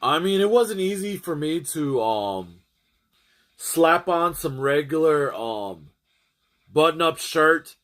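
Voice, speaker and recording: A man's voice: on the high side, expressive, slow, a bit bright. A man chatting casually to his livestream audience, rambling and often restarting and repeating his phrases. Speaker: streamer.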